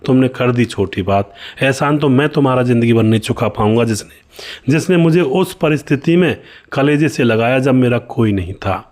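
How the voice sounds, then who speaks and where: A man's voice: mid-range voice, animated, normal speed, a little mellow, lightly acted. A man voicing an earnest, devoted young son from a village, speaking in a reassuring way while telling a story.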